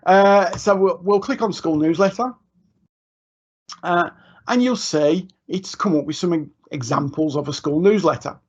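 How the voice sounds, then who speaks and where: Through dull, muffled lo-fi stream audio, an ed-tech trainer with a fairly high voice gives teachers a live screen-share software demo at a measured pace. His style is chatty and loose, with many ums, restarts and self-corrections.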